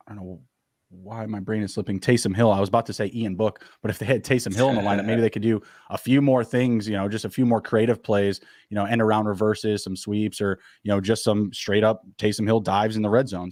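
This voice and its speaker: Fast-talking man on a dry podcast mic. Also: on the low side, darkish tone, no room sound. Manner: quick, upbeat, stat-heavy talk with fillers. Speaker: podcast co-host. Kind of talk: fantasy football podcast chat.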